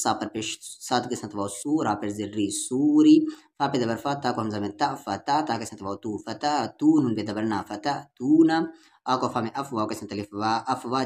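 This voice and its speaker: A man with an Urdu-Hindustani accent teaching Quran reading, patiently spelling out syllables and drawing out the vowels. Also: lowish voice. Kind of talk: letter-by-letter recitation lesson.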